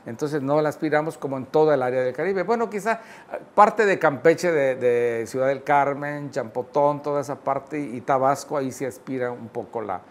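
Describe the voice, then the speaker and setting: Yucatecan man lecturing with "¿no?" tags. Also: medium pitch. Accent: Yucatecan Spanish. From Yucatán, Mexico. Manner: measured, with frequent "eh" fillers and "¿no?" tags. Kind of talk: online lecture.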